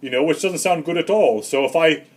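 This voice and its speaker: A man playing a rambling, grumpy old Santa Claus in a comedic vlog monologue, with deadpan, self-important asides. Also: a little high, brisk, close to an everyday voice. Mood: grumbling. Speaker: comedy vlogger.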